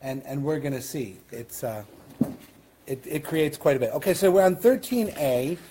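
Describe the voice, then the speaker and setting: A man's voice: a little high, lively intonation, normal speed, mellow, a little hiss or hum. A man with a Western New York accent teaching a Talmud class as rabbi, explaining in a conversational way with questions and asides. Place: synagogue classroom.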